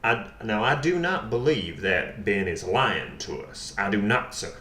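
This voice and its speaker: A man voicing a stiff, deadpan conspiracy theorist who states each absurd belief slowly and formally, as if reading out settled fact. His voice sits a little low, and the room rings with a noticeable echo. A faint hiss runs underneath. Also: exaggerated voice. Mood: stubborn deadpan. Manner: slow, formal, flatly insistent. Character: deadpan male conspiracy theorist denying France exists. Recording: roomy echo, faint background noise.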